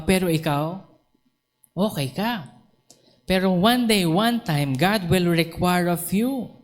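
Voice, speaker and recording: A man preaching a sermon in a church, retelling conversations and acting out both sides. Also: high voice. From Philippines. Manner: preaching, acts out dialogue in retold conversations. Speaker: pastor. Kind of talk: Taglish sermon with storytelling. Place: church sanctuary. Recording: church hall with long reverb.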